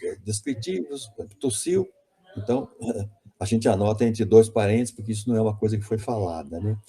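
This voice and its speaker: A man's voice: fairly low pitch, dark tone, breathy edge. A man giving an academic conference lecture on linguistics, hesitant and self-correcting, often repeating words.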